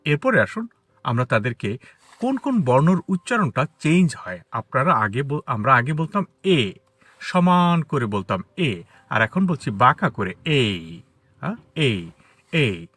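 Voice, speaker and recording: A man teaching English pronunciation to Bengali speakers, talking outdoors on a street and spelling out letters and sounds slowly. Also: medium pitch, sing-song, a bit bright, dry recording. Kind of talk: spoken English lesson.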